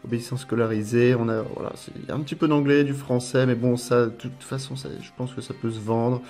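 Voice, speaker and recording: Casting: French guy, casual rambling unboxing commentary, mid pitch, faint music underneath. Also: fairly even intonation, fast, a little mellow. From France. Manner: rambling, repeats words, lists card names. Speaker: YouTuber unboxing trading cards.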